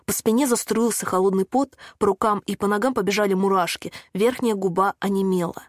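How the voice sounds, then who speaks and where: A woman reading a storybook chapter aloud in a measured, even narration. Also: mid-range voice, no echo, clean studio sound. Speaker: audiobook narrator. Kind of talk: scripted narration.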